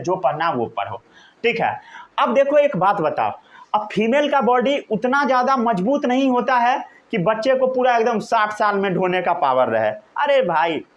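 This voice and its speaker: Animated, high-voiced male teacher. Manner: animated, keeps asking "samajh gaye?". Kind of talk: classroom lecture.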